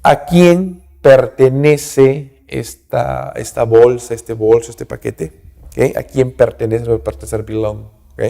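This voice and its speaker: A man teaching an English grammar lesson, speaking slowly, checking in with "¿no?" and "¿ok?" after nearly every phrase, and saying English words louder and higher before their translation. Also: fairly even intonation, gravelly. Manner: slow and repetitive, checks in with "¿no?" and "¿ok?" constantly. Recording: long hall reverb.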